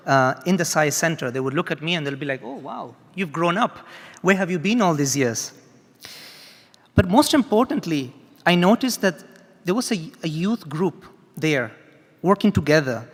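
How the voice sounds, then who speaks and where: A middle-aged man from Peru giving an earnest personal testimony, halting with frequent restarts. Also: a little high. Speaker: speaker at a festival. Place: large hall. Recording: long hall reverb.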